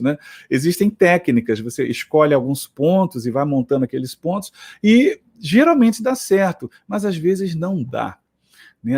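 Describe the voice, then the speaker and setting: A man's voice: a little high, darkish tone. A man with a Brazilian accent giving a motivational lecture to teachers, conversational and reflective, with frequent tag questions. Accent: Brazilian Portuguese.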